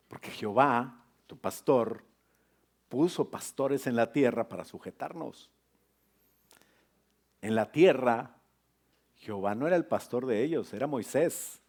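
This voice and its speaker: Animated male pastor preaching. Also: mid-range voice. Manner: lively preaching with jokes and asides to the congregation. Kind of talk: sermon.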